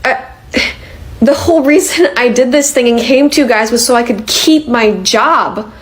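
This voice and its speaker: A woman's voice: fairly high pitch, moderate pace, natural voice, low-quality recording. [name], a woman voicing an exasperated young worker. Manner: exasperated, protesting. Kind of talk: animated comedy dialogue.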